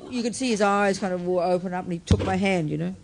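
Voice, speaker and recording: Husky-voiced woman teaching. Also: quick pace, slight background noise. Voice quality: husky, rough, deep voice. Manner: plain, conversational, tags phrases with "you know". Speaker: Buddhist teacher. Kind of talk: storytelling talk to a live audience.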